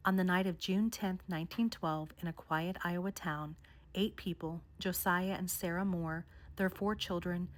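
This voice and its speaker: A woman vlogger narrating a countdown of haunted places in a measured storytelling way. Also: on the low side, steady tone. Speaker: paranormal vlogger. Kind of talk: scripted narration.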